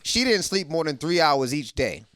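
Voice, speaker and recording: Thirties man, raised-pitch voice, dry close sound, emphatic storyteller in a casual panel. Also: sing-song, moderate pace, fairly bright tone, no echo. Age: 30s. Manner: emphatic storytelling, repeats points. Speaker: guest father. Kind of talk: casual group discussion.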